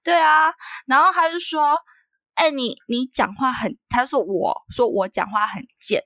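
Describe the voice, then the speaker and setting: A woman co-hosting a casual chat podcast, telling stories with animated delivery, acting out both sides of arguments and laughing often. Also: high-pitched, unhurried, no room sound. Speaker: podcast co-host.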